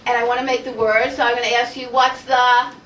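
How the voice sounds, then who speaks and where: A woman teaching a Hebrew phonics lesson to a class, energetic and coaxing, asking the group question after question. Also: fairly high pitch, fairly quick, slight background noise. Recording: roomy classroom audio from far off.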